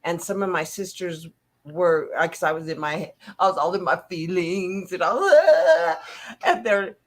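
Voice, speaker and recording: Expressive, low-voiced woman host. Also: moderate pace. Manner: emotional, expressive, laughing easily. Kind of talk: casual conversational interview.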